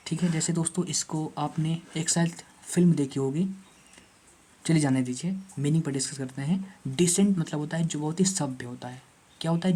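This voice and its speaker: A male teacher lectures on vocabulary for exam preparation, going back over each word several times. His voice is mellow and a little husky. He keeps checking in with the class through rhetorical questions. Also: on the high side. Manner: repeats words and asks the class rhetorical questions. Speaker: English teacher for exam prep.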